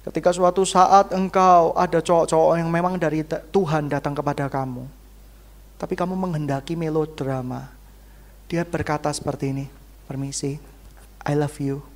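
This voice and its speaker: A woman's voice: sits low, fairly even intonation, normal speed. Dramatic woman preaching. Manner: dramatic, swings from loud exclamations to hushed near-whispers. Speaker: pastor. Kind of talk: church sermon.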